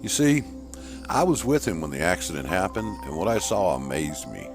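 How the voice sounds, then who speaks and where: A man with a low voice, very animated and at normal speed, performs over background music in an audio horror story. He plays an earnest male shark researcher who recounts an attack emphatically.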